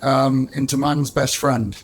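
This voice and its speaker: A man's voice: medium pitch, steady tone, a little slow. A man, joining in the chat with laughs and a crude joke. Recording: noisy, from off mic.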